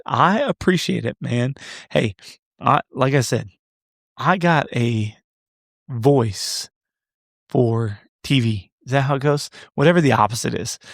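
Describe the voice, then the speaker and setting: A man in his thirties hosts a solo podcast in a medium-pitched, creaky voice, chatting casually and joking in response to live comments. The sound is studio quality, with no room sound.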